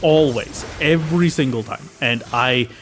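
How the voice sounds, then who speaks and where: A man's voice: medium pitch, measured pace, fairly bright tone, a little hiss or hum. An Irish man chatting casually on a live game stream, rambling with lots of "like" and "uh" fillers. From Ireland. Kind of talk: casual live-stream chat while gaming.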